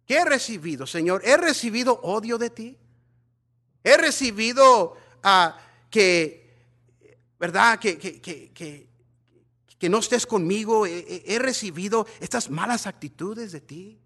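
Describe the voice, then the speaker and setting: Fiery bilingual preacher with a bright, high voice. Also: male voice, unhurried. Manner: animated preaching, mixing Spanish and English, acting out gossiping church members. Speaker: pastor. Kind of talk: bilingual sermon.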